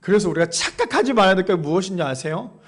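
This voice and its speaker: Man, pastor, sermon, very high pitch, emphatic, asks the congregation questions. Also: expressive, fast talker. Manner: emphatic, keeps quizzing the congregation.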